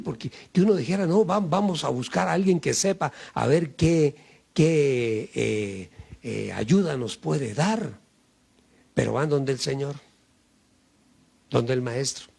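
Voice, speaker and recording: Slow, gravelly-voiced man preaching. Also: fairly high pitch, darkish tone. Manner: slow, emphatic preaching with many pauses and fillers. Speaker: pastor. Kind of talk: sermon.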